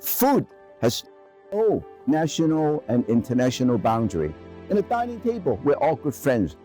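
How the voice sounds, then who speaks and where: A man's voice: mid-range voice, huge pitch swings, normal speed, dark tone, faint music behind. An older man from Guangzhou with a Cantonese accent, presenting a documentary to camera in enthusiastic, emphatic English with broken phrasing. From Guangzhou, China. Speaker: chef and presenter.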